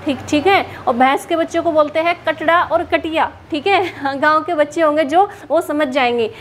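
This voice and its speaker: A woman with a high voice teaches an exam-prep class. She asks each question aloud, then answers and repeats it for her students to memorize. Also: moderate pace, a little hiss or hum. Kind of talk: classroom lesson. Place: hot room without a fan, standing.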